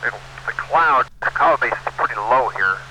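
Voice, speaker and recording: An American man with a mid-pitched voice works a storm spotter radio net. His voice comes over a two-way radio with clear noise. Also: expressive, moderate pace, bright, forceful tone, low-quality recording. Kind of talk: amateur radio traffic.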